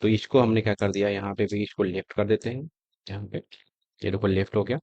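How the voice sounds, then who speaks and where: A man's voice: lowish voice, fairly even intonation, a little fast, vocal fry, a little mellow, no echo, highs cut off. Man explaining code while he types. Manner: conversational, explaining step by step while typing. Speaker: coding tutor. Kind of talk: screen-recorded coding tutorial.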